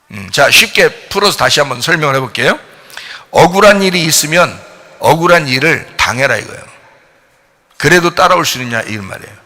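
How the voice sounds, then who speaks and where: A male pastor preaching a sermon, addressing listeners directly in blunt informal speech, with sudden loud rises and hushed questioning drops. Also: fairly high pitch.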